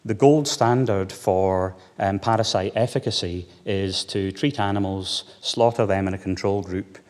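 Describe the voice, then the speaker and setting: A Scottish man speaks at a lectern in a conference hall, his lowish voice trailing off into a long reverb. He talks in a measured way, with frequent pauses and fillers. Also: darkish tone. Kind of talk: conference talk.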